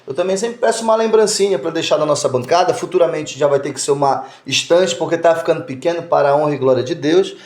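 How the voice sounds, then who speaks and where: Upbeat male podcast host with a high voice, recorded in an echoey room. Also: darkish tone. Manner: upbeat and chatty, drawn-out greetings.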